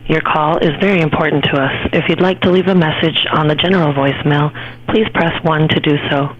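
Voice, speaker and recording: A man's voice plays from an automated phone system over a phone line. The greeting is formal and polite, spoken evenly in a slightly high voice. The audio is dull and muffled, with a faint hiss behind it. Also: a little fast. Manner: even, polite, formal announcing. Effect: heard over a phone line. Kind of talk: scripted automated voicemail message.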